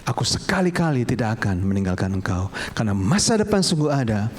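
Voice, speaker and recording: Lively male pastor preaching. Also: mid-range voice, fast talker, slight background noise. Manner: storytelling, addresses the congregation as "saudara". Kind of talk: sermon.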